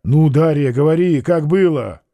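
A man's voice: fairly high pitch, moderate pace, dark tone, no room sound, clean studio sound, pitched above the performer's own voice, close to an everyday voice. A man doing a curt, commanding tsar. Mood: stern. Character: stern commanding young tsar.

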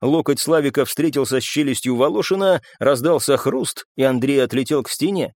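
A man's voice: mid-range voice, a little fast, darkish tone, dry recording. A man narrating an audiobook in a tense, dramatic reading. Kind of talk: scripted narration.

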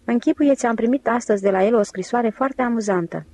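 A woman's voice: fairly high pitch, warm tone, slightly rough. A woman voicing a sweet, teasing young woman in an audiobook, lifting her voice for the part. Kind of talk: audiobook character reading.

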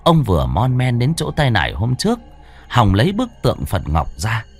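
Man, dramatic ghost-story narration, very animated pitch, theatrical. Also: normal speed, soft background music. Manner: theatrical, swinging pitch widely for effect.

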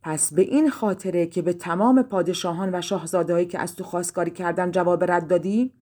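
A woman's voice: fairly low pitch, warm tone, lightly acted. Proud old king, as a woman reads him. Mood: angry. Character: proud king, older man.

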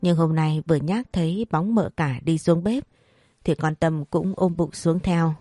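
A woman storyteller reading a scripted family drama story, quickening when the characters quarrel. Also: low voice, mellow, no room sound, studio quality. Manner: reads all characters in a lightly varied voice, quickening for quarrels.

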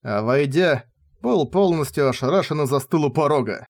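A man narrating an audiobook with expressive, dramatic storytelling. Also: a little high, moderate pace. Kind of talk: audiobook narration of a light novel.

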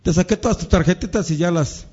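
A man's voice: high-pitched, fast talker, darkish tone, slightly rough, muffled recording. A male pastor with a Mexican Spanish accent preaching to his congregation, calling them brothers and acting out quarrels between spouses. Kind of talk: sermon.

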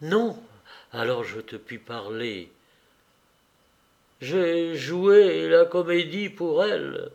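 A man reading the part of a dying older man who murmurs hoarsely, slowly, with long pauses. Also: on the high side, lively intonation, darkish tone, pitched above the performer's own voice, exaggerated voice. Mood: weak, hoarse.

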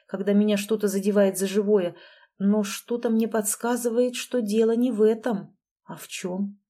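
A woman narrating an audiobook in an even, measured way. Her voice is mellow and soft. She keeps a steady storytelling delivery. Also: medium pitch, husky. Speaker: audiobook reader. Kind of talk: scripted narration.

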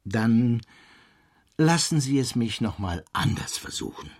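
An excitable scholarly man narrates in a radio play with very lively intonation. The voice is mid-pitched and a little husky, emphatic and insistent, with faint music at times. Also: measured pace. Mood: earnest explaining. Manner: emphatic, rhetorical. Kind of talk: radio play dialogue and storytelling.

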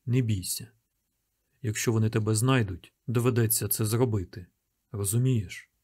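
Man doing a frightened father in an audiobook, hushed urgent whisper, dark low voice. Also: moderate pace, breathy edge. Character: desperate father hiding with his son.

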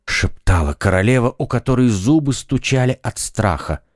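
A man reading a children's audiobook as narrator, in a measured storytelling manner. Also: medium pitch, lively intonation, no room sound, clean studio sound.

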